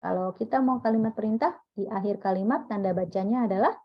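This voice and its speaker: A woman teacher walks through a lesson at a middle pitch, pausing to put questions to her listeners before answering them herself. The sound is dull and lo-fi, with the top end missing. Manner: explains step by step, quizzing listeners. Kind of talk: classroom lecture.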